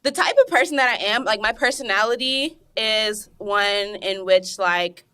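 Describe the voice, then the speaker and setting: A young woman chemist, talking in a casual interview, animated and emphatic with frequent laughs and restarts. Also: mid-range voice, moderate pace, clean tone. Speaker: guest, cosmetic chemist.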